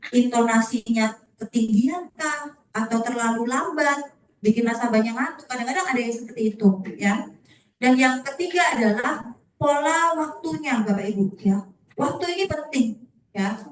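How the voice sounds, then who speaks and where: A woman's voice: a little high, a little hiss or hum. A woman sales trainer, casual and chatty, talking directly to her audience and tagging her phrases with "ya". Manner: ends phrases with a questioning "ya". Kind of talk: training session talk. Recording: echoey room, far from the mic.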